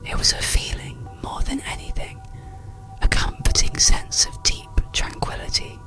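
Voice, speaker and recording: Music plays beneath this soft ASMR whisper, as a narrator slowly and gently guides listeners through a soothing bedtime story and relaxation.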